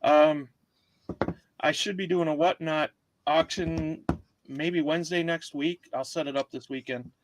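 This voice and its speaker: A middle-aged man with a Wisconsin accent co-hosts a loose comedy chat over a video call, flustered and laughing at himself. His voice sits a little high. A faint hiss runs beneath it. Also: fairly even intonation, measured pace. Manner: flustered, self-mocking, laughing. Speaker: podcast co-host.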